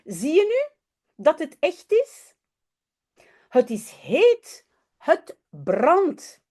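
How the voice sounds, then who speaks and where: A woman's voice: sits high, huge pitch swings, extremely slow, warm tone, voice pushed up, heavily acted. Woman doing a bossy little storybook girl.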